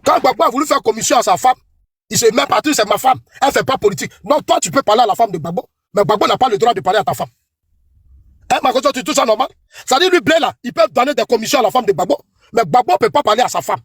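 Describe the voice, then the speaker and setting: A man's voice: very high voice, animated, fast, a bit bright, slightly rough, dry recording, clean studio sound. A middle-aged man with an Ivorian French accent, delivering a combative, accusing political tirade that repeats lines for emphasis. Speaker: political commentator.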